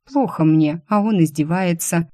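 A woman's voice: fairly low pitch, measured pace, warm tone, no echo, clean studio sound, lightly acted. A woman reading an audiobook, voicing a flustered young female employee who pleads and protests. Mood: grumbling.

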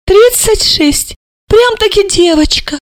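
A woman voicing a shrill, hysterical older mother who shrieks and scolds her grown daughter. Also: lively intonation, measured pace, no echo. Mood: indignant. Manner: shrieking, scandalized, dramatic.

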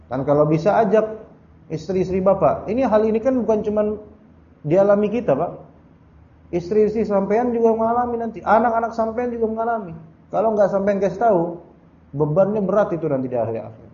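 A man with a somewhat high but mellow, dark-toned voice gives a religious study lecture. He quotes Arabic verses and explains them in a chatty way, turning to his listeners as "Pak" and tagging his lines with "ya". The echoey room and dull, lo-fi recording muffle the sound. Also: fairly quick. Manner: conversational, tags sentences with "ya" and addresses listeners as "Pak". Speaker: Islamic teacher.

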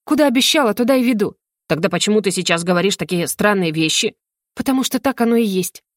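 A woman reading the part of a secretive young woman friend who speaks quietly and hesitantly. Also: mid-range voice, lively intonation, fast, no echo, clean studio sound, close to an everyday voice. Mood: insistent.

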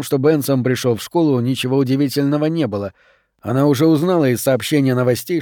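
A man giving scripted audiobook narration in an even, measured reading. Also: mid-range voice, no echo, clean studio sound.

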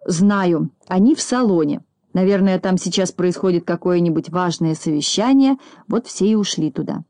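A woman voicing a boastful, quick-tempered little boy in a children's storybook, bossy and scolding. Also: on the low side, no echo. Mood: puzzled. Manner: bossy, scolding, easily excited.

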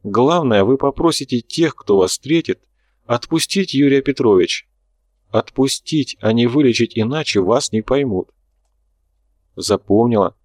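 A man voicing a hooded, secretive male official who gives calm, measured instructions in a muffled, hollow voice. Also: mid-range voice, no room sound. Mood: instructing.

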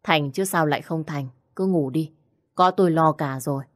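A woman's voice: deep voice, normal speed, dry recording, clean studio sound, natural voice. A woman voicing a young husband who reassures his wife in an assured, soothing way. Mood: reassuring.

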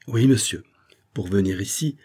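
A man's voice: on the low side, normal speed, dark tone, husky. A man voicing a distraught young woman who pleads anxiously for help finding her missing father. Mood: pleading, distressed.

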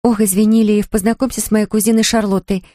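A woman's voice: medium pitch, little pitch movement, quick pace, warm tone, no room sound, clean studio sound, natural voice. Woman doing a flustered young woman, hesitant, audiobook.

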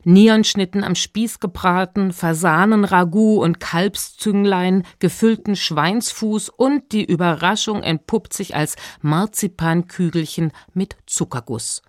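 Female radio announcer, scripted summary, calm informative delivery, lowish voice, dry sound. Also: unhurried, no room sound.

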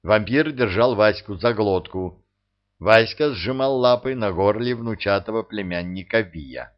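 A man narrating a humorous fantasy audiobook, bringing the characters to life in an expressive reading. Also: fairly low pitch, measured pace, dull audio. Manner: expressive storytelling, acting out the characters. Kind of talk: scripted narration.

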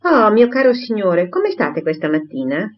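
A woman's voice: medium pitch, very animated, moderate pace, highs cut off, pitched above the performer's own voice. A woman doing a breathless rambling spinster. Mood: excited. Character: chattering talkative spinster, older woman.

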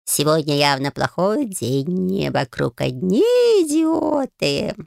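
A woman putting on a sarcastic male cat familiar from a storybook, gravelly and low, dragging out every word with weary scorn. His voice sits deep and rough, with a tired, mocking drawl. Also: sing-song, takes it slowly, a little mellow, no echo, studio quality, heavily acted. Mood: grumbling. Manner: mocking, exasperated.

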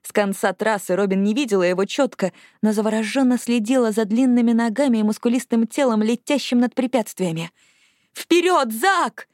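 Expressive woman reading an audiobook. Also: on the high side, a little fast, few pauses, no room sound, studio quality. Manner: expressive, lifts with the action. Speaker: audiobook narrator. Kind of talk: scripted narration.

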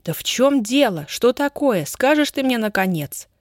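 A woman reading the part of a worried middle-aged mother who questions everyone quickly, in a dry recording. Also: fairly high pitch, very animated, no room sound, voice pushed up. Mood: anxious.

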